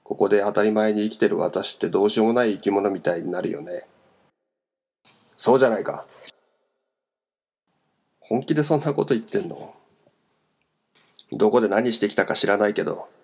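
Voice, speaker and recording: A man reading a novel aloud, voicing a sharp-tongued, exasperated woman in a scornful, challenging manner. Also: lowish voice, a little fast, long pauses, slightly rough. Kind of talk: audiobook character voice.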